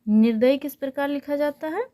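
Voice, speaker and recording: A woman's voice: high-pitched, brisk, mellow. Woman, exam-prep tutor, explains step by step, repeats key answers, poses rhetorical questions. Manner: repeats answers, asks and answers her own questions. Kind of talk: explanatory online lesson.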